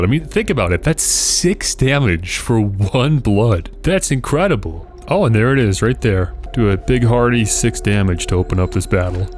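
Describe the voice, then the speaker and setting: A man hosting a gaming video, thinking aloud in casual, reactive commentary. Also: fairly low pitch.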